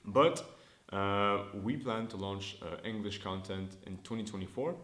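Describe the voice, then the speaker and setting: A little slow in delivery, a young Montreal man in his early twenties, a startup founder whose first language is French, gives a casual business vlog update. His fairly low voice is chatty and upbeat while he thinks out loud and restarts sentences. He shoots it himself on his own camera in an indoor room, which gives a noticeable echo.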